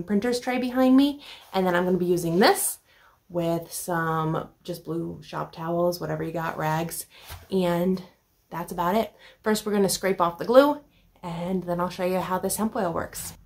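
A woman's voice: lowish voice, moderate pace, creaky, a little mellow, echoey room. Chatty woman demonstrating a DIY project. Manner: chatty, explains while working, frequent ums. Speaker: furniture upcycling host. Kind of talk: casual how-to demonstration. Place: small indoor workshop studio.

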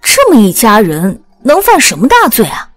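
Woman narrator for an audiobook, high-ish voice, very lively pitch. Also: normal speed.

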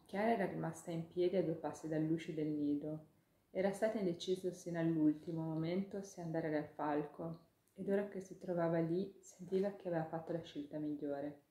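A woman narrates a children's fable with a gentle, measured delivery. Her voice is low-set and mellow. The reading echoes in a roomy space. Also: steady tone. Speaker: children's storyteller. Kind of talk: reading a fairy tale aloud. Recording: echoey room.

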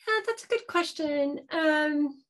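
A woman's voice: high voice, lively intonation, takes it slowly, fairly bright tone. A woman in her thirties answering questions as a keynote speaker on a video call from a home office, thoughtful and hedging, often restarting her sentences. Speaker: keynote speaker, board game designer. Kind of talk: live Q&A answers. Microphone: video call webcam.

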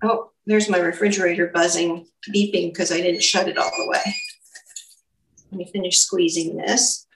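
An older woman narrates each step of a casual home cooking demo in a fairly low voice with fairly even intonation and moderate pace. Recorded indoors in her kitchen by a distant camera mic, the sound is echoey and carries background noise.

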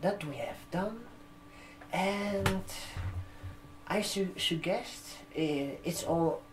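A man in his twenties, whose first language isn't English, plays a barber shop receptionist in an ASMR roleplay, speaking gently and haltingly. His voice sits high and the audio is poor. Seated at a desk with a laptop indoors, he draws out his phrases and asks check-in questions over the sound of keyboard typing.

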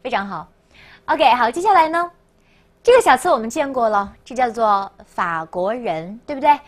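Lively woman teaching a language lesson. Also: fairly high pitch. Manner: slow, exaggerated repetition of words for learners. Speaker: French teacher.

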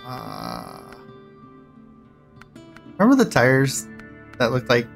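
A man's voice: mid-range voice, huge pitch swings, slow pace, vocal fry, soft background music, low-quality recording. A man casually commenting on his driving game as he plays, thinking aloud and rambling between choices. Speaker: gaming channel host.

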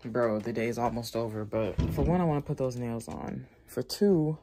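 A young woman vlogs casually to camera from a small bedroom, rambling loosely with plenty of fillers. Her voice is rumbling and low with fairly even intonation at a moderate pace, and there's background noise.

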